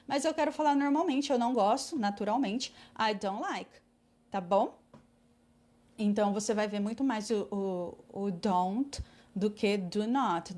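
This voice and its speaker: A woman teaching English in an online class, patiently explaining and repeating English words slowly for pronunciation. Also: on the high side, a little mellow.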